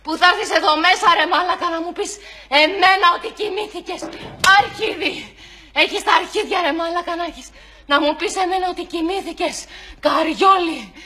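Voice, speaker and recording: Brief: woman doing a high, bright, furious scold, yelling insults nonstop. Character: furious foul-mouthed woman scolding a debtor. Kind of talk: comedy sketch acting.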